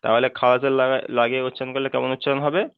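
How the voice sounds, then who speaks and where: A man's voice: mid-range voice, little pitch movement, rapid-fire, smooth, no echo. A man teaching Quran letter pronunciation in an online class, patiently drilling each letter and often checking that students follow. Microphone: online call. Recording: dry, phone-like call audio.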